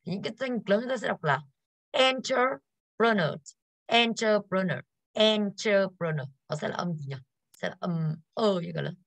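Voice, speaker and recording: A woman's voice: lowish voice, expressive, quick pace, creaky, dry recording. A woman English teacher going over exercises in an online class, tired and coughing now and then, who keeps putting questions to her students.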